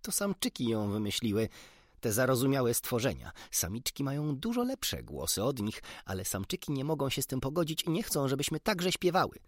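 A man voicing a proud, sharp-tongued female canary in an audiobook, speaking indignantly and briskly. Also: medium pitch, sing-song, no room sound, studio quality. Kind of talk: audiobook character reading.

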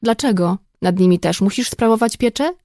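A woman voicing a calm, teasing friend who stays unhurried. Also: medium pitch, no room sound, clean studio sound, close to an everyday voice.

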